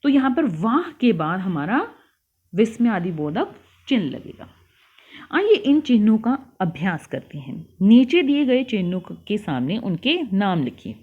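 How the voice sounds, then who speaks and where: A woman's voice: mid-range voice, big pitch swings, measured pace, darkish tone, breathy edge. A young woman teacher taking children through a worksheet lesson, patient, explaining and repeating things. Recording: tinny phone-like sound.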